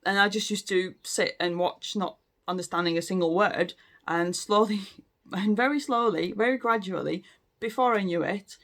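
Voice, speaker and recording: A language learning vlogger from Latvia, a native Latvian speaker in her or his late 30s, chats unscripted to the camera. The voice is medium in pitch and a bit bright, at a moderate pace, and the delivery is hesitant, full of ums and restarts.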